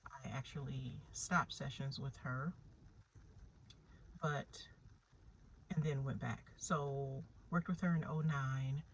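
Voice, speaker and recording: A woman's voice: rumbling low, fairly even intonation, takes it slowly, long pauses, slight background noise, poor audio. Candid woman reflecting on her own story. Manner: candid, reflective, with small laughs and restarts. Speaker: vlogger sharing her therapy story. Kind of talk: personal storytelling.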